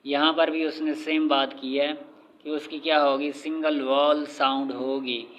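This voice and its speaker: A male teacher giving a lecture. He repeats each point patiently, asks himself questions and reads definitions out slowly, word by word. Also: mid-range voice, a bit bright, muffled recording. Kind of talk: classroom lecture.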